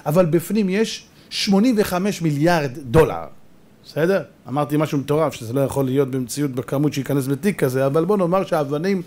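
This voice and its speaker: Animated high-voiced rabbi preaching. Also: male voice. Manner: dramatic, acts out voices, shouts for emphasis. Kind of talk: animated Torah sermon.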